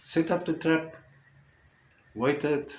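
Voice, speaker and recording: An older man with a South African accent and Afrikaans as his first language, telling a personal story reflectively with halting, deliberate phrasing. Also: fairly high pitch. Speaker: storyteller, host. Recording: roomy echo with faint background noise.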